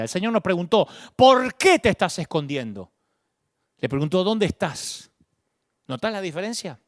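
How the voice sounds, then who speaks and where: Preacher, male, fairly high and animated voice, dramatic delivery, dry sound. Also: no room sound. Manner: dramatic, shifts from booming calls to hushed murmurs. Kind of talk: sermon.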